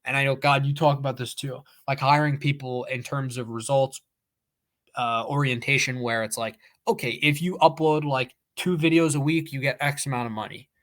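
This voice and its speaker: A man's voice: mid-range voice, steady tone, moderate pace, fairly bright tone. A man co-hosting a casual podcast chat. He talks in a loose, emphatic run of thoughts, leaning on "like" and "you know" as he presses his points. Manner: talkative, emphatic, many "like" fillers. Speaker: podcast co-host.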